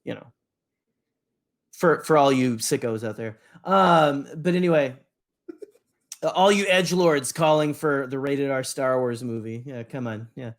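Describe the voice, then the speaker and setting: The speaker is a man co-hosting a podcast, with a medium-pitched voice and a measured pace. He's casual and enthusiastic, talking in a slangy, rambling manner and frequently interrupting himself.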